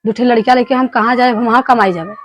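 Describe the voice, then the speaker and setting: A woman's voice: on the high side, steady tone, fast talker, slight background noise, close to an everyday voice. A woman playing a fed-up village wife in a family skit, scolding and complaining in rustic speech with an eastern Hindi belt, Bhojpuri-Awadhi accent. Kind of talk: amateur family skit dialogue.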